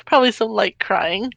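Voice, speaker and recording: A woman's voice: fairly high pitch, vocal fry, fairly bright tone, no room sound. Woman cohosting, playful, laughs a lot, dry close sound. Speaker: podcast co-host. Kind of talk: casual chat.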